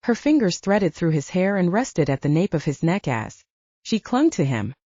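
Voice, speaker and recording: A woman narrating a romance audiobook in an expressive storytelling manner. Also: lowish voice, normal speed, breathy edge, no echo. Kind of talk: scripted narration. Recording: slightly muffled dry audiobook recording.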